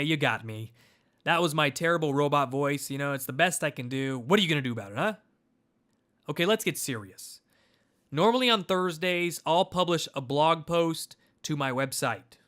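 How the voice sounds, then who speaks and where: A man's voice: fairly high pitch, bright, forceful tone. A man hosting his own public speaking channel, talking to camera in a chatty, playful, upbeat way. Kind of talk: casual direct-to-camera talk.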